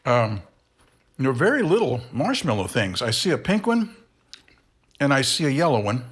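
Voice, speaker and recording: A middle-aged man hosts a relaxed candy review on his own, wandering off topic and stopping to correct himself. His voice is husky and a little breathy, and it sits at an ordinary pitch for a man. He chews and talks at the same time. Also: normal speed. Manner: rambling, self-correcting, talks while chewing. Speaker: candy reviewer, show host. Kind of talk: casual solo review.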